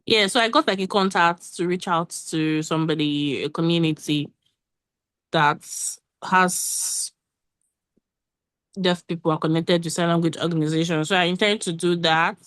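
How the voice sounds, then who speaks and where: Meeting lead, woman, lower voice, quick run-on delivery, dry video-call audio. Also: steady tone, a bit bright, no room sound. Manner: quick, run-on talk with restarts. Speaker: working group meeting lead. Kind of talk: casual meeting update.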